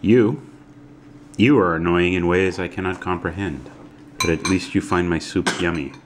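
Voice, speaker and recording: Man, very low voice, dry teasing, casual family vlog, noisy home recording. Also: normal speed. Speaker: father and family vlogger. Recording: noisy home camera audio.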